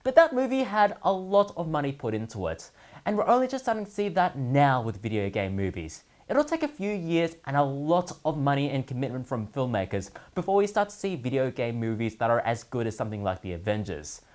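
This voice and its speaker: Hosting a gaming news segment, a man delivers scripted comedy in a highly animated, brisk voice, his pitch swinging widely within each sentence. He stays sardonic the whole way, building up and landing punchlines with mock seriousness.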